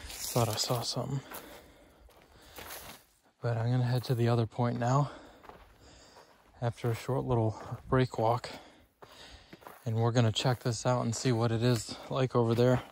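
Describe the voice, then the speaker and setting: A man's voice: medium pitch, level tone, a little hiss or hum. A man in casual, rambling narration as an ASMR host walking a forest trail outdoors. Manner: soft, rambling and unhurried.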